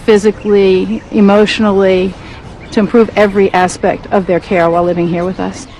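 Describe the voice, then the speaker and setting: A woman's voice: medium pitch, level tone, a little fast, a little mellow, slight background noise, low-quality recording. A woman who is a lead elephant keeper, speaking in a nature documentary interview. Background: music.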